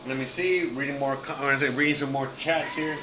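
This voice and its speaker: A man's voice: medium pitch, fairly even intonation, a little fast, background noise. A Cuban-American man from Miami with a Miami Cuban accent, rambling through a casual, profane livestream chat as host while sick with food poisoning. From Miami, USA. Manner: rambling, profane, lots of "you know what I mean".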